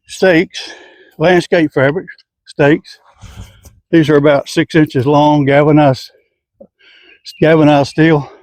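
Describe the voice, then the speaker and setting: A man's voice: a little high, darkish tone, dry recording. Folksy older man, dry sound. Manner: folksy, plain-spoken, explains step by step. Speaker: home gardener. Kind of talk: casual how-to garden vlog. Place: outdoors in a home garden.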